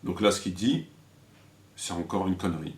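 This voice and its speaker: With soft music in the background, a low-pitched man presents a religious video, critiquing informally and addressing his viewers directly. He speaks haltingly, repeating himself while searching for the right words.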